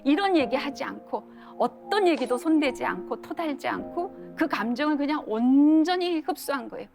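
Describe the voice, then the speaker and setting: Woman, middle-aged, lecture talk, earnest storytelling, acted-out quotes, soft music behind. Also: sits high, lively intonation, normal speed, creaky. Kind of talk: lecture to a studio audience.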